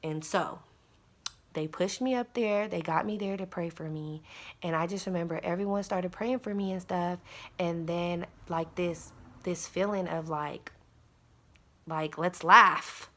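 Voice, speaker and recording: A woman's voice: lowish voice, steady tone, a little slow, darkish tone. A mother telling a personal story in a casual vlog, earnest and insistent, often speaking straight to her viewers. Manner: earnest, insistent, with many fillers and direct address to viewers.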